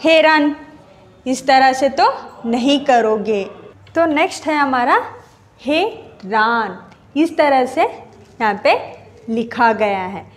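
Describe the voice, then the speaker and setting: Slow, drawn-out woman teacher. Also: high voice, animated. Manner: slow, syllable-by-syllable spelling out of words; repeats each word drawn out. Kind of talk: grade-school Hindi grammar lesson.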